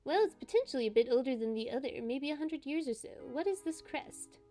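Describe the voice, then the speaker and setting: A woman's voice: sits high, lively intonation, a little fast, mellow, faint music behind. A woman voicing a condescending, bitter male antiques appraiser with a smug, patronizing manner.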